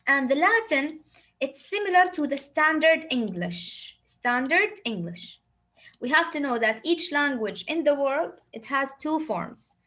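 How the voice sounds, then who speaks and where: Sing-song and sitting high, this teacher's fairly bright voice moves at a measured pace. A native Arabic speaker with a Saudi accent, she takes her students through a lesson, frequently posing rhetorical questions, repeating phrases, and slipping into Arabic.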